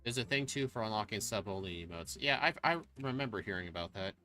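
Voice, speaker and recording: A man's voice: fairly low pitch, animated, fast, pushed and bright, soft background music. A man streaming a speedrun, chatting casually and teasing his co-hosts bluntly. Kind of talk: casual chat while gaming.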